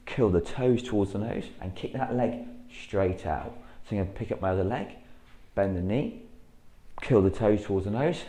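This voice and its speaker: A man teaching a karate class, patiently explaining each move step by step and calling out loud counts for drills. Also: lowish voice. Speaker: karate instructor. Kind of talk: martial arts class instruction. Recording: echoey room.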